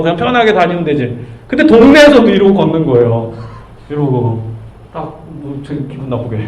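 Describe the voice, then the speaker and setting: Male pastor, animated sermon delivery, bright high voice, roomy church sound. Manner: animated preaching, addressing the congregation directly. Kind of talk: youth sermon.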